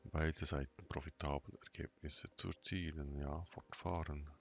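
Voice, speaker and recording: A man talking in a flat, emotionless monotone while clicking through game menus and mumbling to himself in a let's play. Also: extremely low pitch, moderate pace, creaky. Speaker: gamer. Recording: dull lo-fi mic, faint game music behind.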